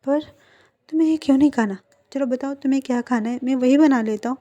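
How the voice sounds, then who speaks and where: A woman's voice: fairly high pitch, moderate pace, mellow, no echo, muffled recording, lightly acted. A woman voicing a doting, teasing young man who coaxes his partner patiently. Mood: exasperated. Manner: coaxing, patient.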